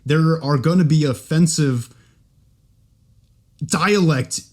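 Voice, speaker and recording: A man's voice: a little high, slow, darkish tone. Laid-back young Californian man, joking. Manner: joking, rambling, self-deprecating. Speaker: podcast co-host. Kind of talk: casual chat.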